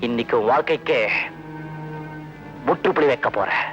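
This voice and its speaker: Guy doing a vengeful young hero, cold threats then yelling, muffled old movie audio with music under it. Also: medium pitch, moderate pace, lightly acted. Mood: menacing. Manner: cold, threatening, bursts into shouts. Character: vengeful young man out to punish his father's killer. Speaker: film hero. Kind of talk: 1970s film melodrama. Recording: dull old film soundtrack with score.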